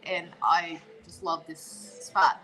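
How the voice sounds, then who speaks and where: Bright-voiced Newfoundland woman, chatting. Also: fairly low pitch, fairly even intonation, takes it slowly, soft background music, low-quality recording. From Newfoundland, Canada. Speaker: adventurer and guest co-host. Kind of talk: casual chat.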